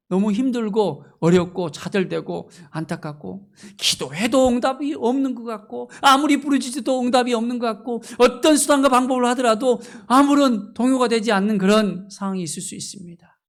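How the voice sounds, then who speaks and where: A male pastor delivers an impassioned sermon in a high, gravelly voice. He swings from loud exclamations to near-whispers and keeps asking rhetorical questions, throwing in a questioning "eh?" along the way. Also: moderate pace.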